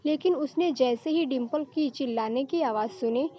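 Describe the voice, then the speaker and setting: A woman narrating a story in a steady, plain telling style. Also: high voice, normal speed, lo-fi sound.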